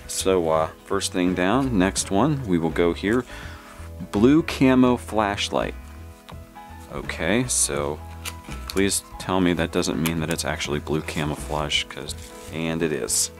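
A man casually reviewing gear he unboxes at a table, talking in a halting way with many fillers. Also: sits low, faint music behind. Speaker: product reviewer. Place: indoors at a table.

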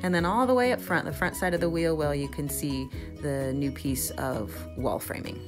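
A bubbly young vlogger, low-voiced and easily excited, talks at a moderate pace through her project in a casual voice-over. Soft background music is just audible.

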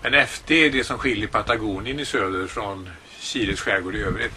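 A man's voice: fairly low pitch, bright, forceful tone. A man in his sixties from Sweden, narrating his sailing trip in a chatty, explanatory way, outdoors on a boat. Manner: chatty, explains at length with fillers. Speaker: sailing vlogger. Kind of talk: casual travel narration. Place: outdoors on a sailboat and shore. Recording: outdoor noise on camera mic.

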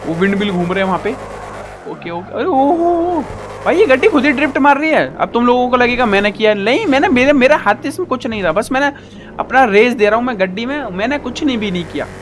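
Guy streaming a racing game, high voice jumping all over, yelling and joking, game noise behind him. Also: fast. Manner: excitable, shouting at the game, playful banter with viewers. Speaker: gaming YouTuber. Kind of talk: excited live gameplay commentary.

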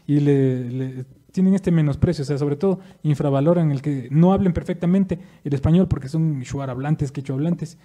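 A man with an Ecuadorian Spanish accent co-hosting a podcast, explaining in an animated way with many asides. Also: a little high, moderate pace, few pauses. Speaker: podcast co-host. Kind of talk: casual discussion. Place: studio.

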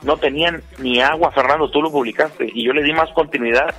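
Mexican male sports panelist, husky and raised in pitch, combative and teasing. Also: fairly quick, fairly bright tone. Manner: pushy, teasing, demands yes-or-no answers. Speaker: baseball debate panelist. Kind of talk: heated sports debate.

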